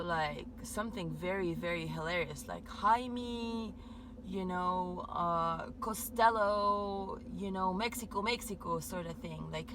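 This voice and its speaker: A woman giving a meandering spiritual monologue, full of "like" and "you know" fillers. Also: lowish voice. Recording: steady background noise.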